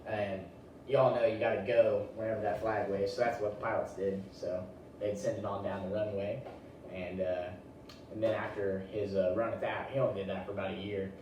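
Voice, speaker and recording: A young student presents informally to a class in a folksy, colloquial way, his voice lowish, brisk, a little mellow, and fairly even in pitch. A distant room mic picks him up in an echoey indoor space, so the recording is very reverberant and noisy.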